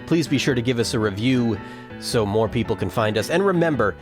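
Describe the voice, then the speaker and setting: A man's voice: mid-range voice, expressive, fairly quick, over music. A man hosting a casual podcast chat, with jokey, folksy announcer phrasing. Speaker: podcast host.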